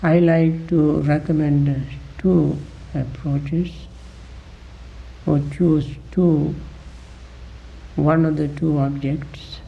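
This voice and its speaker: With a steady tone and a slightly high, gravelly voice, a male teacher gives guided meditation instruction. His delivery is deliberate, built from short phrases and long pauses, on a dull-sounding recording.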